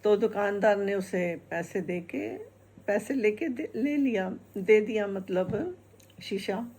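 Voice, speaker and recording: Slow, chatty woman storyteller. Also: medium pitch, darkish tone, breathy edge. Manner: chatty, repeats phrases, laughs at her own tale. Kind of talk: casual folk-tale storytelling.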